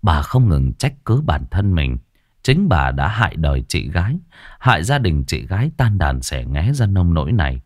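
A man's voice: low-pitched, very animated, moderate pace, a little mellow, dry recording, studio quality. A man reading a ghost story aloud with dramatic, suspenseful delivery. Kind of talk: scripted ghost story narration.

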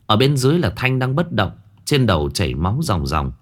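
A man narrating a ghost story in a dramatic, expressive reading. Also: fairly low pitch, fairly quick.

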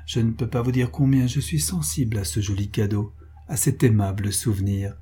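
A man's voice: lowish voice, steady tone, normal speed, warm tone, husky. A man reading aloud, voicing a good-natured, modest bachelor of thirty-eight with a hearty, self-deprecating manner.

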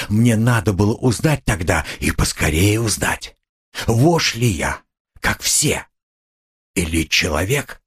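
A man's voice: on the low side, breathy edge, full character voice. A man doing a brooding tormented young man. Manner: brooding, irritable, dark confessional. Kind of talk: audiobook character reading.

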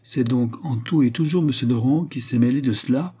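A man's voice: mid-range voice, brisk, warm tone, breathy edge, voice pushed up, lightly acted. A man voicing a haughty, scornful queen. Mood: stern, scornful. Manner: cold, cutting interrogation. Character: stern haughty queen, contemptuous and commanding. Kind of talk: audiobook reading.

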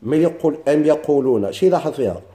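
A man with a Moroccan Arabic accent teaching a class on Quranic recitation, explaining step by step, chanting verses slowly and quizzing his students. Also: a little high, animated, warm tone. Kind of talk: classroom lesson on Quranic readings.

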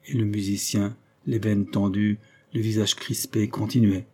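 A man's voice: level tone, unhurried, husky. A man reading a nineteenth-century short story aloud as narrator, lifting his voice to act out the characters. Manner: voices characters with shifts in pitch and loudness. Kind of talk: audiobook reading of a classic story.

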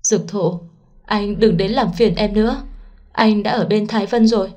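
A woman's voice: mid-range voice, fairly even intonation, moderate pace, dark tone, lightly acted. Woman reading a heartbroken young woman. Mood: sad. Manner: tearful, pleading.

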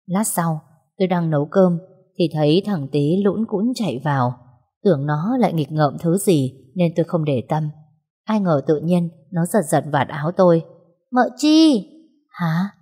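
A woman narrating a first-person story in a steady, reflective way. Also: deep voice, moderate pace, slightly rough.

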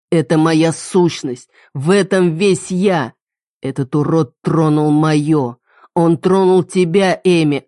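A woman voicing a possessive, violent young man who calls himself a killer, slow, heavy and emphatic. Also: low voice, darkish tone, dry recording, clean studio sound.

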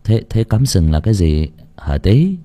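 A man's voice: fairly low pitch, very animated, normal speed, dark tone, voice pushed down. A man voicing a trusting young village groom, talking plainly with a scolding edge. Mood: puzzled.

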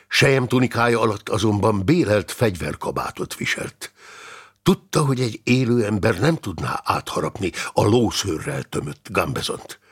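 A man reading an audiobook in a dramatic, expressive narration style. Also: lowish voice, slightly rough.

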